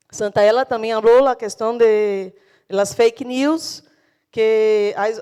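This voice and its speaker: A woman with a Brazilian accent, a native Portuguese speaker, asking a panel a question in halting second-language speech, searching for words. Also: fairly high pitch, darkish tone, smooth. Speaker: audience member asking a question.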